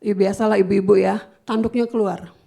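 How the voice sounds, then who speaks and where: A woman pastor preaching a sermon, animated, swinging between loud emphasis and soft asides. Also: mid-range voice, fairly quick, gravelly. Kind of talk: sermon with personal anecdotes.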